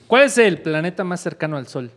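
A man's voice: a little high, expressive, brisk, fairly bright tone, a little hiss or hum. A man with a Mexican accent co-hosting a podcast, joking and laughing in slangy banter. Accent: Mexican Spanish. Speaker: podcast co-host. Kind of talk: casual quiz banter.

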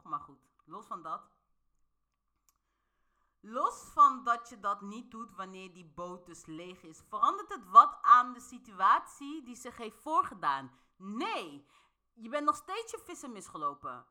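Bright, lively woman vlogger. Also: medium pitch. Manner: playful, laughs often, asks the listener questions. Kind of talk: casual motivational monologue.

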